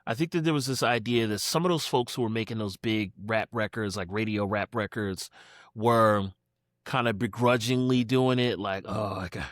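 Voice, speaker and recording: A man's voice: on the low side, normal speed, a bit bright, dry recording, studio quality. A man from Philadelphia, a podcast guest, talking casually about music with lots of fillers and acted-out quotes. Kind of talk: casual conversation.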